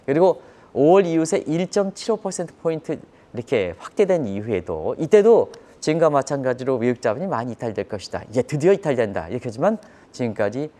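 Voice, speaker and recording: This man gives economic commentary on a live broadcast, his mellow, relaxed timbre paired with very lively intonation. Speaking a little fast at medium pitch, he explains things emphatically and poses rhetorical questions.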